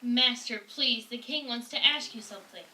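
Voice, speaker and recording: A woman's voice: fairly high pitch, moderate pace, sharp tone. A woman voicing a loyal, awestruck servant sock puppet in an earnest, emphatic amateur performance. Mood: deferential. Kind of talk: amateur puppet show acting. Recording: distant mic with faint noise.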